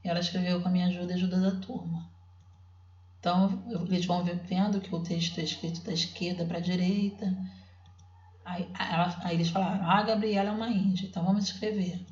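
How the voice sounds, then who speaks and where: A woman teacher patiently explaining how she guides young children to write, sounding out syllables slowly. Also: lowish voice, fairly even intonation, a little mellow, echoey room, muffled recording. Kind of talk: explaining classroom literacy work.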